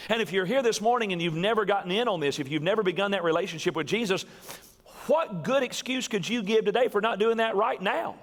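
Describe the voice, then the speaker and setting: A middle-aged male pastor giving a sermon in a church, animated and quoting people in acted voices. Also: sits high, quick pace. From US South. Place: church sanctuary. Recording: long church reverb.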